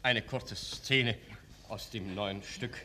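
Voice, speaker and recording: An actor playing a vain, pompous playwright, insistently persuading in a theatrical, declaiming way. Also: male voice, on the low side, fairly even intonation, takes it slowly, sharp tone, full character voice. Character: vain, persuasive playwright reading out his play.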